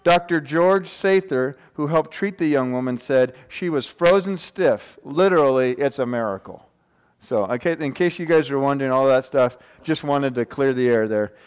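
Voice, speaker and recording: Speaking at a moderate pace in a clear, resonant mid-range voice, a forties-ish preacher addresses his congregation in a big room. The sermon is casual, full of jokes and rhetorical questions. The audio has a long hall reverb.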